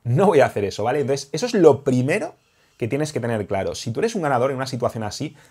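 A man's voice: medium pitch, sing-song, fast talker, a little mellow, breathy edge. A young man with a Spain Spanish accent, a dating coach talking straight to camera in an emphatic, heated and repetitive vlog monologue.

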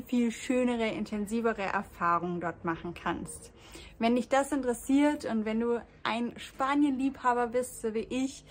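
Slow-speaking woman teaching Spanish grammar. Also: on the high side, a little hiss or hum. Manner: patient, stressing example words slowly. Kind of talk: explaining grammar rules to camera.

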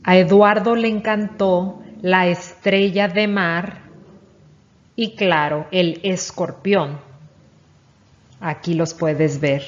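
A woman leads a children's reading lesson at an unhurried pace. She is patient and encouraging, asking questions and praising each answer. The recording has a slightly dull, lo-fi quality. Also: fairly low pitch, steady tone. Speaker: teacher.

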